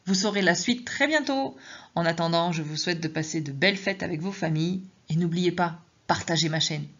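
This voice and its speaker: A woman with a lowish voice reading her own suspense story in the first person. Her narration is measured and tense. The recording is dull and lo-fi. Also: fairly bright tone.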